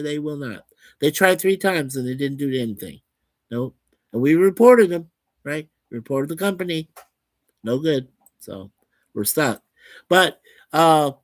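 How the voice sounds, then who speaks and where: A man's voice: on the high side, no echo. A man hosting a livestream, casually reading out and answering viewer comments in a chatty, folksy way. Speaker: livestream host reading chat. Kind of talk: casual chat.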